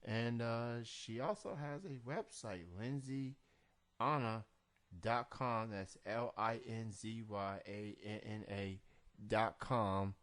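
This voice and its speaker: A man hosting an unscripted interview in a halting manner with drawn-out pauses. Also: on the low side, fairly bright tone. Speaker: interview show host. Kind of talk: unscripted radio-style interview.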